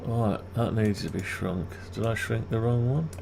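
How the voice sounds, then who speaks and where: This man, a video creator, walks through CAD design work while muttering to himself and asking himself questions, all unscripted. His voice is fairly low with vocal fry, at a moderate pace. The recording has steady background noise and keyboard typing.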